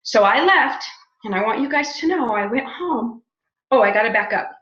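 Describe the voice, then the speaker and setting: A woman in her fifties with a bright, forceful voice tells a personal story and acts out each quoted line. Her voice sits a little high, and the recording is dull and lo-fi in an echoey room. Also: lively intonation, moderate pace. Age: 50s. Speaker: speaker on a business opportunity call.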